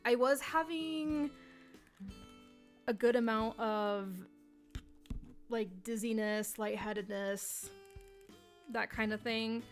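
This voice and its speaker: Brief: woman livestream host, unhurried, slightly high voice, faint guitar music under her. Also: steady tone. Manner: chatty, greets viewers by name, many ums. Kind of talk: casual livestream chat.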